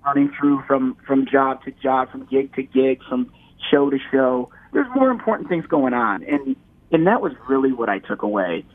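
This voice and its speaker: A Metro Detroit man, heard over a tinny phone line, speaks at normal speed with lively intonation and a medium pitch. He's a casual interview guest whose rambling talk includes many restarts and repeated words.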